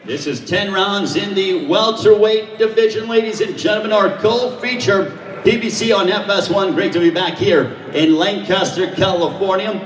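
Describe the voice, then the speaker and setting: Male fight announcer, high-pitched showman delivery with stretched-out names, heard from off-mic in a big echoey hall. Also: moderate pace, recorded from a distance. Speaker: boxing weigh-in ring announcer. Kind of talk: live sports announcing. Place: large echoing event hall.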